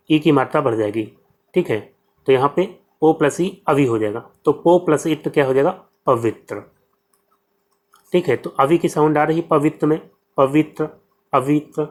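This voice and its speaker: A man with a Hindi accent teaching an exam-prep grammar lesson, explaining step by step, asking questions and answering them himself. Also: fairly high pitch. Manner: explains step by step, repeats "ठीक है" often.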